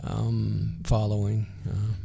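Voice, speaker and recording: An older man with a natural Vermont accent and rural twang, reminiscing casually and hesitantly in a folksy, unhurried way as an interview guest. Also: fairly low pitch, monotone, gravelly, mellow, a little hiss or hum.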